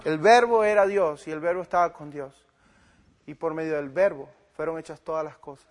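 A man's voice: a little high, steady tone, moderate pace. A man preaching, retelling an argument with another pastor and quoting both sides of the dialogue. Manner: retells a debate with quoted dialogue, swinging from loud to quiet. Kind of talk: sermon-style storytelling.

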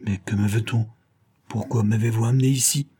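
A man voicing a disguised detective playing a grumpy, haughty gentleman who grumbles curtly. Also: lowish voice, steady tone, fairly quick. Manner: gruff, grumbling, curt.

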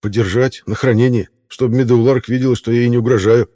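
Man doing a calm, firm doctor. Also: medium pitch, quick pace, voice pushed up, close to an everyday voice. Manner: firm, reasoning. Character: calm doctor, surgeon, measured adult man.

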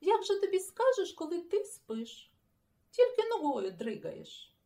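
A woman voicing an impatient, bossy village boy who shouts his orders, in a storybook reading. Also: extremely high pitch, huge pitch swings, unhurried, vocal fry, pitched above the performer's own voice, exaggerated voice.

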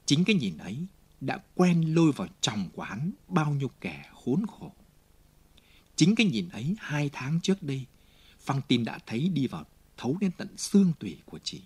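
Expressive, slightly husky male narrator. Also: medium pitch. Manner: dramatic, expressive reading. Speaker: audiobook narrator. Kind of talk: scripted audiobook narration.

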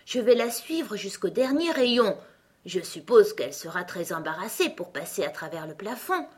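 A woman's voice: big pitch swings, normal speed, a little mellow, husky. A woman voicing a curious, polite little girl who speaks eagerly and in wonder. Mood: puzzled. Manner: eager, wondering, high-pitched.

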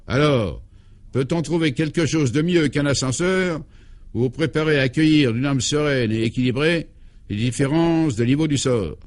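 A man's voice: moderate pace, a little hiss or hum, lightly acted. A man voicing Clovis du Tilleul, an eccentric, jovial 64-year-old former priest, in an old-style French radio comedy, fatherly and exuberant. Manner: exuberant, fatherly, talks up high.

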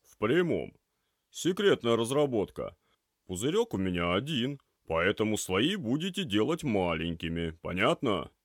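A man voicing a gruff, calm male shop owner who speaks in a matter-of-fact way. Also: on the low side, a little slow, no room sound, clean studio sound, voice pushed up, full character voice.

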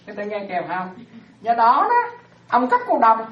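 A woman Buddhist teacher giving an animated dharma talk to lay followers, often checking that they follow. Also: fairly high pitch, moderate pace. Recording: roomy, distant, dull lo-fi sound.

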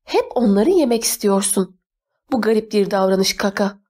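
A woman's voice: medium pitch, lively intonation, moderate pace, dark tone, natural voice. A woman voicing a bossy, spoiled young girl who talks down to everyone with a sneer in her words. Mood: scornful bossy. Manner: sneering, demanding.

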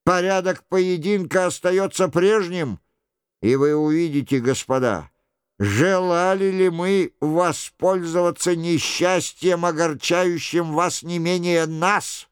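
A man's voice: high voice, slow, clean tone, no room sound, clean studio sound. A man reading an audiobook, voicing a hot-tempered young courtier who gives firm orders. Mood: commanding. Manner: commanding, firm.

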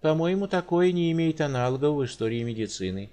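Brief: a pompous, fussy doctor, as a male reader puts him on, pitched high, animated and soothing. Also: quick pace, natural voice. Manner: high, ingratiating, hedging.

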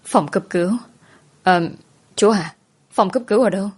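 A woman voicing a young man who calmly reassures his frightened girlfriend. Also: mid-range voice, moderate pace, husky, lightly acted. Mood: urgent. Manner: calm, soothing, urgent at times.

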